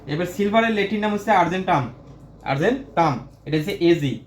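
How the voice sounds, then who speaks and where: A man teaches a chemistry class and keeps repeating each question before he answers it himself. His voice sits a bit high for a man. The room echoes, with a faint hiss underneath. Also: expressive, a little fast. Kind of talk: classroom lesson, explaining at a board.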